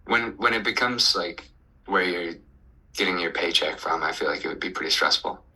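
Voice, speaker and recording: A young man from Colorado talks through his answers with a bright, sharp edge to a lowish voice. He hesitates often, restarting phrases as he thinks. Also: normal speed, rough recording. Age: 20s. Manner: relaxed, hesitant with fillers and restarts. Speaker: band singer and bassist. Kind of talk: casual interview answers.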